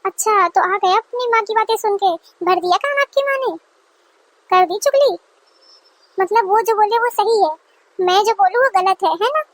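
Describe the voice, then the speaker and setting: Voicing an aggrieved young newlywed, a woman argues indignantly with her in-laws and complains. Her pitch is extremely high, her pace normal, and the dry, close recording has no echo.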